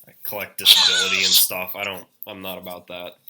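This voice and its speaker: A man in his twenties, a podcast guest talking in a relaxed, casual way, often laughing and calling his friend "man" and "dude". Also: low voice, fast talker, heavy background noise. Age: 20s. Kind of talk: casual chat.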